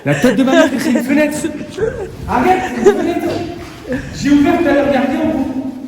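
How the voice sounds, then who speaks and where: A man's voice: very high voice, moderate pace, a loud crowd. A man chatting casually while exploring, recorded in an echoing room. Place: echoing room inside a château. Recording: echoey hall, faint noise.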